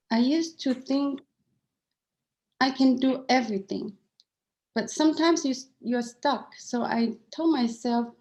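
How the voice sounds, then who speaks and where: A middle-aged woman with a Cantonese accent speaks earnestly and candidly as an interview guest, frequently restarting and repeating words. Her voice sits on the high side and is a little mellow.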